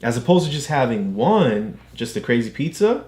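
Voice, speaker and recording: A man acting as a father patiently teaches a child during a read-aloud, using questions and examples to explain. His medium-pitched, darkish voice swings widely in pitch at normal speed, and the home recording sounds roomy and echoey.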